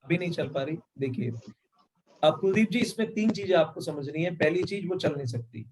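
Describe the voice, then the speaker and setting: A man with a high-pitched voice leads an online sales training over a video call. He breaks points into numbered steps and keeps checking that his listeners follow. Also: animated, a little fast, noisy background. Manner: explains step by step, mixes English into Hindi, asks "right or wrong?". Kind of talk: live online training session.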